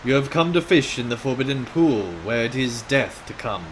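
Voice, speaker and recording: Noble military captain for a fantasy game, man, grave formal authority, mid-range voice over clear background noise. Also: medium pitch, animated, lightly acted. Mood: grave, probing. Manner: formal, deliberate, commanding. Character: stern, measured noble captain sitting in judgment.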